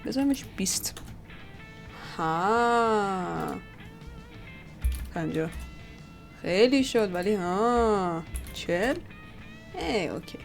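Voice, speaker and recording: A woman's voice: mid-range voice, lively intonation, vocal fry, pauses often, soft background music. A woman who hosts her own channel, giving casual commentary as she works and muttering to herself while trying things out. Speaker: 3D artist and channel host. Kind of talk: casual thinking-aloud commentary while working.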